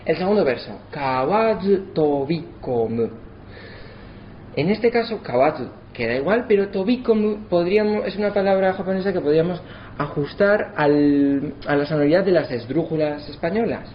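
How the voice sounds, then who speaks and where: A man giving a lesson, slowing down to sound out words syllable by syllable. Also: high-pitched. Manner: spells out syllables slowly to demonstrate. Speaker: lecturer. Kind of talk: explanatory lesson. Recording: slightly dull, faint background noise.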